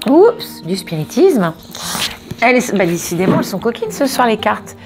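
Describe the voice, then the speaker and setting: A woman reading oracle cards and giving spiritual guidance in a casual, expressive way, wandering off into asides and repeating words for emphasis. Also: mid-range voice, brisk, over music. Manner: expressive, digressive, emphatic repetitions. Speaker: oracle card reader.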